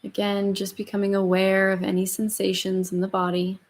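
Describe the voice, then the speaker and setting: A woman leading a guided meditation as a yoga instructor, in a soft, soothing, slow murmur with long pauses between phrases. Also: mid-range voice, completely flat delivery.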